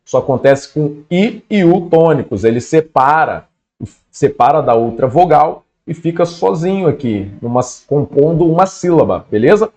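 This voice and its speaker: A man's voice: fairly high pitch, lively intonation, moderate pace, a little mellow. A man with a Brazilian Portuguese accent giving an exam-prep grammar lesson in a casual way, often checking in with his students. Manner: casual, keeps checking in with "beleza?".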